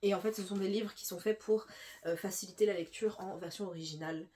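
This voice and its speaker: A woman's voice: medium pitch, fairly even intonation, quick pace, mellow. Young female booktuber, stuffy nose, casual filler-heavy chat. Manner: chatty, many fillers and restarts. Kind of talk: casual book haul chat.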